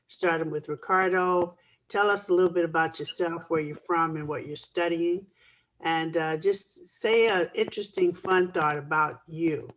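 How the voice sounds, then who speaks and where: A woman's voice: low voice, a little hiss or hum, poor audio. A woman hosting a virtual meet-and-greet on a video call, friendly and chatty. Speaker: host. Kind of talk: casual virtual meeting.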